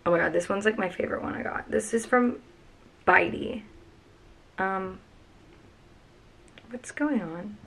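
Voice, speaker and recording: A young vlogger with a medium-pitched, slightly bright voice sits on the floor of her cluttered bedroom, chatting and gushing through a casual packing video. She says "like" and "freaking" a lot, and the camera records her from a few feet away.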